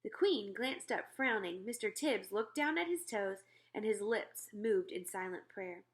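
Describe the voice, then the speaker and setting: A woman reads a children's storybook aloud with expressive narration. Her voice sits in the mid-range and she keeps a measured pace.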